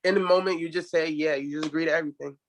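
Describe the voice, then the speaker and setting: A man's voice: on the high side, steady tone, very fast. A man in his twenties, a guest in a casual chat, laid-back and chatty, dropping many likes and you-knows. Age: 20s.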